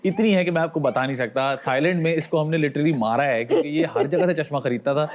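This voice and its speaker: पाकिस्तानी उर्दू लहजे वाला ऊँची आवाज़ का मेहमान. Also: male voice, on the high side, fast, background noise. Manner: joking, teasing. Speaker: guest. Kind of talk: casual talk-show banter.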